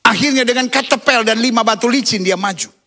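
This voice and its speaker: A man preaching a sermon, speaking fervently to the congregation with repeated calls and rising to shouts. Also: very high voice, quick pace. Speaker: pastor.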